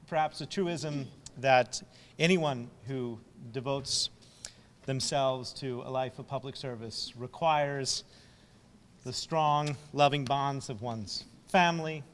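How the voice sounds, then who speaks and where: A man, a city official, speaking in a measured, formal way as master of ceremonies. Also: mid-range voice, big-room sound, a little hiss or hum. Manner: measured, formal, slightly grand wording.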